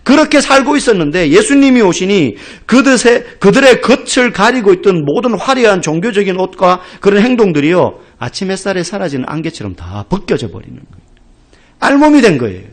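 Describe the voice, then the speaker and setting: A middle-aged man from South Korea preaching a sermon as pastor, telling stories with acted-out quotes and emphatic exclamations. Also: high voice. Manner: animated storytelling, acting out quoted voices; emphatic, rising to loud exclamations.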